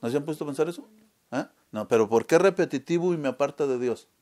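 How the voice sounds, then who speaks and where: Preacher with a higher voice. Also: male voice, quick pace, mellow. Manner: keeps asking the audience "¿verdad?"; asks questions and answers them himself. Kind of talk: sermon.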